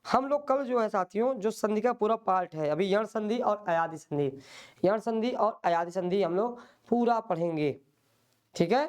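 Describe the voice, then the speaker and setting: A man's voice: sits high, normal speed. A male teacher giving an online exam-prep lecture, patiently explaining and drilling by repeating questions and answers.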